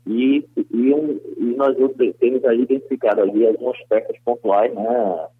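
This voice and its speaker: A man, a football club director, giving a phone interview on sports radio over a landline phone, speaking in a measured, formal way with frequent fillers. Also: medium pitch, fairly even intonation, husky, no room sound. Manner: measured, formal, fills pauses with "né" and "aí". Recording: tinny phone line, dry.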